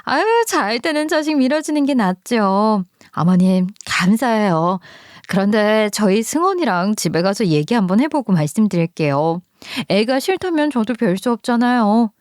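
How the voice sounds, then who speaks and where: A woman voicing an eager younger sister-in-law who gushes and flatters. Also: medium pitch, normal speed, no echo, clean studio sound, natural voice. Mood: flattering. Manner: gushing, flattering.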